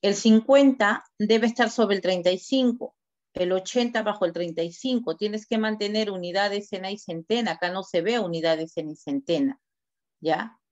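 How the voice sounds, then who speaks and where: Over a dull, lo-fi video call, a woman teacher gives direct, corrective feedback on her students' work, laying out instructions step by step. Her mid-range voice has a darkish tone and moves at a moderate pace. It's online class feedback.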